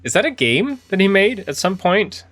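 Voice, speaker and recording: A man's voice: high voice, sing-song, moderate pace, fairly bright tone, dry recording. A man giving casual video game commentary, thinking aloud in a chatty, easily impressed way. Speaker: video game streamer playing an indie horror game.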